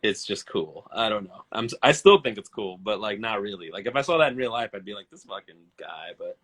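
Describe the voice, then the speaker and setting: A man's voice: lowish voice, lively intonation, quick pace, fairly bright tone, husky. A man in his thirties chatting on a live stream as a guest, rambling and enthusiastic with casual swearing. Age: 30s.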